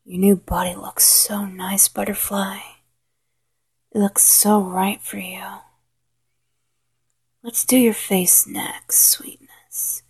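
A woman whispering a slow, coaxing guided hypnosis roleplay in a soft, intimate voice. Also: mid-range voice, level tone, breathy edge. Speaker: hypnosis narrator.

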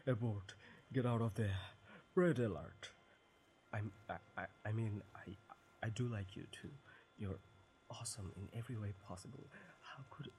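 A man playing a shy, flustered young man smitten with a friend in a romantic audio role-play, stammering, halting and apologetic. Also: lowish voice, vocal fry, a little mellow, slight background noise.

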